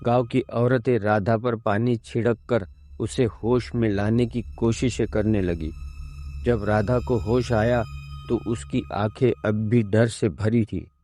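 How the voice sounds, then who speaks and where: A man narrating a scripted horror story in a measured, ominous way. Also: fairly low pitch, fairly even intonation, warm tone. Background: faint music.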